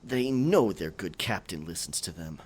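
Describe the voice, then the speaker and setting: In a scripted audio roleplay, a man plays a theatrical, sentimental pirate captain, using a gravelly voice, archaic pirate speech and halting, stammering drama. His low voice is expressive, and he sounds wistful and defensive.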